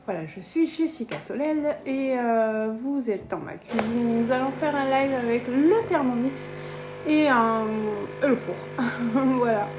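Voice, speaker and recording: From the south of France, a woman with a high-pitched voice and a southern French accent hosts a casual cooking live stream in her home kitchen. She speaks unhurriedly over background noise, chatting with viewers and laughing often.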